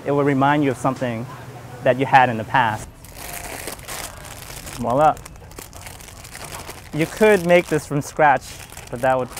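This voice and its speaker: Young man, relaxed and rambly, talking about his cooking, average-pitched voice. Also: a little hiss or hum. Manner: relaxed, rambling, filler-heavy. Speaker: home cook hosting a dinner party. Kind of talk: casual documentary talk.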